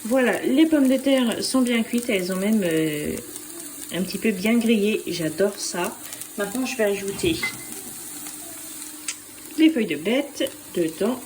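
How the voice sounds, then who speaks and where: A woman's voice: medium pitch, lively intonation, a little slow, long pauses, noisy background. Chatty French woman cooking at home. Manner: chatty, hesitant, many fillers. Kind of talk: casual cooking vlog voice-over.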